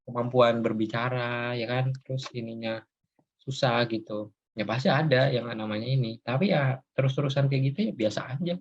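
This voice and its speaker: A young man hosts a relaxed conversation, rambling through fillers and chuckling along. His voice is slightly husky, and the recording sounds dull and lo-fi. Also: mid-range voice, fairly quick. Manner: rambling, many fillers and laughs. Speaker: host. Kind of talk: casual chat.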